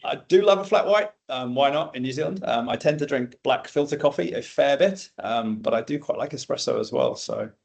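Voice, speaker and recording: A man introducing himself as a roastery general manager on a webinar panel, relaxed, with frequent ums. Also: mid-range voice, fairly quick, vocal fry, few pauses. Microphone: video call.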